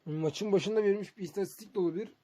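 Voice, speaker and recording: A man's voice: sits high, rapid-fire, dark tone, no echo. A man giving casual, conversational game commentary to his viewers as a streamer. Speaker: gaming streamer.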